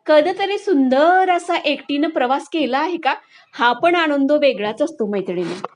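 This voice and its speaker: A woman's voice: high voice, lively intonation, normal speed. A woman vlogger talking to her women friends, telling a moral story in a casual, conversational way. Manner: warm, conversational, addresses listeners directly.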